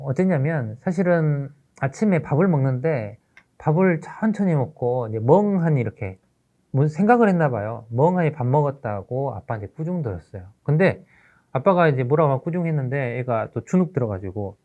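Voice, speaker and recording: A middle-aged man, a teacher trainer, telling a classroom story in an animated lecture. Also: mid-range voice, dull audio. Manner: animated storytelling, acts out characters.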